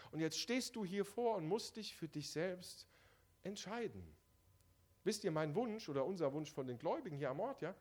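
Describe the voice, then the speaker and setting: Emphatic preacher man, lively pitch. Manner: emphatic, swings from quiet to loud, addresses listeners directly. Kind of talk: evangelistic sermon.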